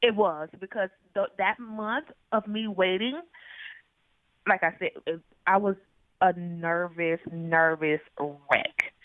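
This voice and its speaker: Over a tinny phone connection, a woman with a fairly low, steady voice speaks slowly as an interview guest. She relates her own story hesitantly, filling pauses often, and there is no room sound.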